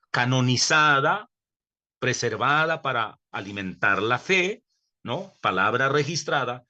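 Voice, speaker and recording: A middle-aged man lectures on theology with a bright, forceful tone at an ordinary pitch for a man. He is earnest and emphatic and drags out key words for stress. Now and then he stops to correct himself. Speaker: theology professor. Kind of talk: recorded online lecture.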